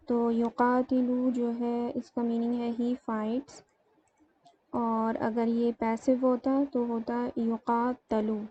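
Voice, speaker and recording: Slow, flat-voiced woman teaching grammar. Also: on the high side. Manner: slow, explains step by step with many fillers. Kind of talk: grammar lesson. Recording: dull lo-fi sound with faint noise.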